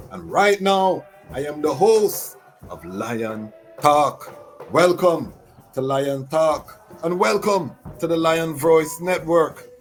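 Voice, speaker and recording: A man's voice: on the high side, rough recording. A man hosting a talk show, introducing his guest with formal, ceremonial phrasing and frequent fillers. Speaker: host.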